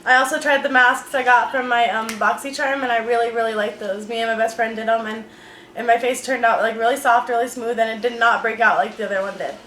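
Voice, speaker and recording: Young mom chatting about makeup at home, kinda high voice, roomy echo, bit of hiss. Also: female voice, steady tone, quick pace, a bit bright. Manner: chatty, many fillers like "like" and "um". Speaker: beauty vlogger and mom. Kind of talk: casual unboxing chat. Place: room at home. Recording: echoey room, faint noise.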